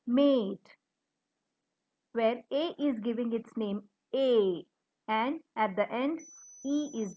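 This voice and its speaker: A woman teacher explaining short and long vowels, sounding out letters one by one. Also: a little high. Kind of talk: phonics lesson. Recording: slightly dull, lo-fi recording.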